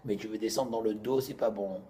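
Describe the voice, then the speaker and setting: A man, teaching an informal Torah class to students in an animated, joking way, moving between loud bursts and quiet asides. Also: lowish voice, brisk.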